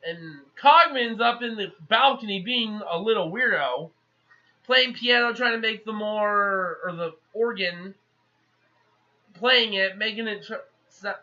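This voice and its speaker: A high-voiced man with a very bright, sharp tone talks through a movie's plot in a loose, chatty recap. The recording is a little muffled and lo-fi. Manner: chatty, animated, acts out characters. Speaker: movie reviewer. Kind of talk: casual rambling plot recap.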